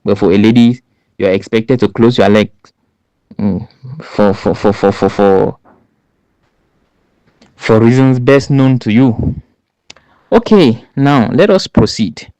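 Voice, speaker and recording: A man's voice: lowish voice, takes it slowly, long pauses, mellow, dry recording. Guy tutoring, repeats himself a lot, dry close sound. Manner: repetitive, emphatic, with many restarts and "right?" checks. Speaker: exam preparation tutor. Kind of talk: spoken lesson.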